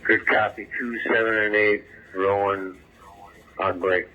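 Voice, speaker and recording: A male police radio dispatcher with a lowish voice checks on units and their status. His voice comes through a narrow, tinny channel with light noise. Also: level tone, measured pace. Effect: police radio transmission.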